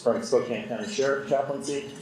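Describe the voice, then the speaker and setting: A man at a podium microphone emcees a formal civic gathering, reading out names in a steady announcer's manner. His voice carries through a public address system into a very echoey large hall, with a faint hum underneath. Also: medium pitch, fairly quick. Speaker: chamber of commerce president and event emcee. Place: large indoor event hall.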